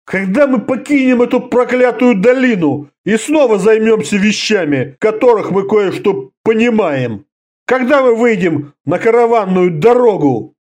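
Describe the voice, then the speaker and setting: A man voicing a gruff, blustering old one-eyed warrior who is drunk and slurring. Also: high-pitched, lively intonation, unhurried, voice pushed up. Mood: drunken. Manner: blustering, loud.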